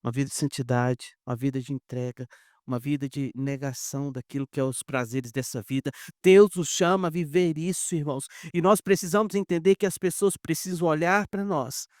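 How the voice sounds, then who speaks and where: A Brazilian pastor preaching a conversational sermon, calling the congregation "brothers" and acting out short dialogues. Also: male voice, fairly high pitch, steady tone, a little fast, a little mellow, dry recording, clean studio sound. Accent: Brazilian Portuguese. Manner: conversational preaching, addresses "irmãos" often; acts out little dialogues in quoted voices.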